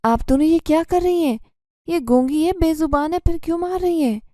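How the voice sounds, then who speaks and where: A woman's voice: high voice, dark tone, no echo, studio quality, pitched above the performer's own voice, lightly acted. A woman voicing a sly young man who protests and then admits blame. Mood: protesting.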